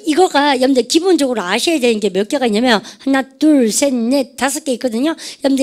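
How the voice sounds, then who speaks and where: Brisk, coaxing woman teaching English. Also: sits high. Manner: energetic, coaxing call-and-response drills; keeps addressing her students directly. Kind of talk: lively classroom-style vocabulary lesson.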